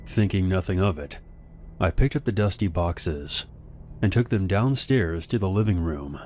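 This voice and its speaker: A man reading first-person horror stories as scripted narration, in a measured, even manner. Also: low-pitched, a little hiss or hum.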